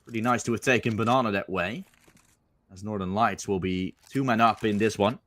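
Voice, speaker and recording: A man's voice: on the low side, fairly quick, a bit bright. A man doing live esports commentary as a caster, calling the play in short, clipped phrases.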